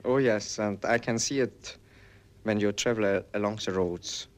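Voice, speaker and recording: A man from Austria with a Viennese German accent, a hotel manager answering interview questions in halting, careful English. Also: lowish voice, steady tone.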